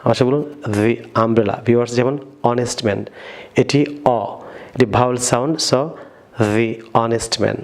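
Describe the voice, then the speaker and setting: A man with a Bangladeshi accent teaching English pronunciation, who keeps addressing his viewers and has them repeat slow drill words. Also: medium pitch, steady tone.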